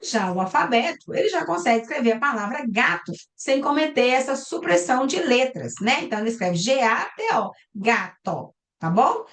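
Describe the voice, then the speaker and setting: Teaching over a video call through her computer mic, a Brazilian Portuguese lecturer walks her students through the material step by step, tagging phrases with "tá?" and "né?" to check in. Her fairly high, fairly bright voice swings widely in pitch at a moderate pace with few pauses.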